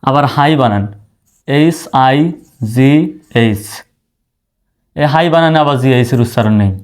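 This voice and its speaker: A man's voice: medium pitch, smooth. A man teaching English pronunciation, spelling each word letter by letter before sounding it out. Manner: spells words letter by letter, then says them slowly.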